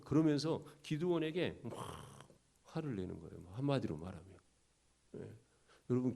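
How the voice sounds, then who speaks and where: A man, a pastor, giving an early-morning sermon. He reads scripture, explains it in plain speech, asks the listeners questions, and acts out quoted lines with sudden loud outbursts. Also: fairly low pitch.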